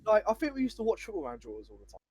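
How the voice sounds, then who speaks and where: A man's voice: high voice, rapid-fire, slightly rough, no room sound. A young man, casually telling stories between laughs and fillers. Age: young adult. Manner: laughing, animated anecdote telling with many fillers. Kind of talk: casual storytelling chat.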